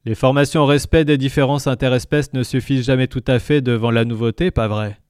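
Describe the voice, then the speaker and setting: A man's voice: medium pitch, fairly even intonation, fairly quick, darkish tone, clean tone, no room sound, studio quality, voice pushed up, close to an everyday voice. A man voicing a big, chatty male alien cook who gurgles and loves to talk. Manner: gurgling, talkative.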